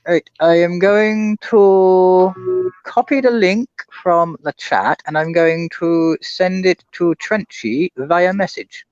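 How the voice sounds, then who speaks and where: A man's voice: sits high, takes it slowly, a little mellow, clear, resonant tone, no room sound. A man co-hosting a live stream, cheerfully greeting chat and laughing often. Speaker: co-host of a watch-along stream. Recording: dry, muffled lo-fi audio.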